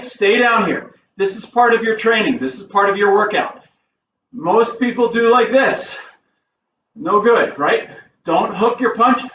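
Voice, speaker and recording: A man teaching karate as an instructor, explaining each step in a careful, unhurried way. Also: sits high, bright, forceful tone. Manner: calls out counts during drills. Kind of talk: instructional lesson with demonstration. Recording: roomy, distant, dull, faint noise.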